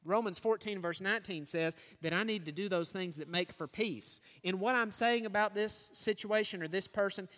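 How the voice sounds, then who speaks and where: A man's voice: high voice, a bit bright. A man preaching a sermon, teaching earnestly and asking his listeners rhetorical questions. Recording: long hall reverb.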